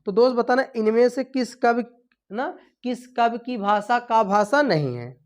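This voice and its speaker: A woman's voice: a little high, measured pace. Woman drilling answers in a repetitive lesson. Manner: call-and-response drilling, repeating answers; trails off quietly at ends of phrases. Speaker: Hindi teacher. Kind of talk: exam-prep lesson.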